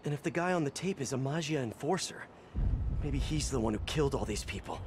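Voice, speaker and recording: A man voicing a young male superhero who quips and rambles to himself, in a game with steady background noise. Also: medium pitch, brisk, lightly acted. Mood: wry.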